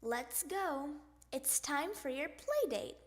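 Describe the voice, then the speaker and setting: Brief: woman doing a strict frog dad, clipped and firm, slow storybook pace. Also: high-pitched, animated. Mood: stern. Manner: firm, scolding. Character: stern father frog. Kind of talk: picture book read-aloud.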